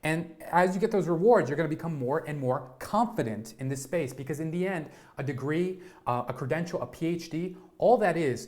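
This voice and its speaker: A man in his twenties giving an energetic live-streamed tech lesson, often repeating words and checking in with "right?" and "okay?". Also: on the high side. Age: 20s.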